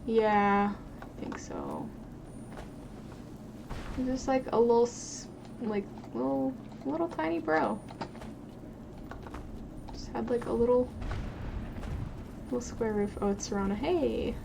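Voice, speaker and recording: A woman's voice: a little high, sing-song, slow, gravelly, pauses often. A young woman streaming a game and chatting casually, swearing and talking to the characters as she plays. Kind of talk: casual gameplay commentary. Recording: noisy stream audio.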